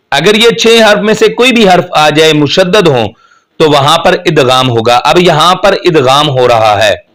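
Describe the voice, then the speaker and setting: High-voiced man teaching quran recitation, unhurried, patient, urdu accent, chants verses slow. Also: a bit bright. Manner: explains rules patiently, then chants verses slowly and melodically. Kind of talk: slow step-by-step tajweed lesson.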